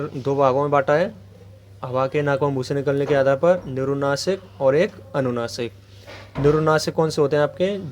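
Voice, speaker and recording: Guy teacher doing an exam-prep grammar lesson, a bit high-pitched, keeps asking and answering his own questions. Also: slight background noise. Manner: asks rhetorical questions then answers them; repeats a check-in phrase to viewers.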